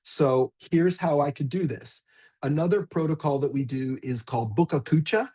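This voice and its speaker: A man's voice: on the high side, normal speed, dark tone, breathy edge. A man leading a live online teacher training, demonstrating a tool in an upbeat, chatty way and addressing attendees by name over a video call. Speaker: workshop presenter.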